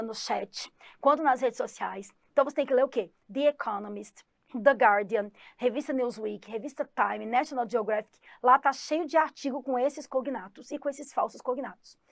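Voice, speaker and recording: Lively Goiás-accented woman teaching English. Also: a little high, gravelly, no echo, clean studio sound. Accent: Goiás Brazilian Portuguese. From Goiás, Brazil. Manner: lively, chatty, talks to students directly. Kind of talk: online exam-prep class.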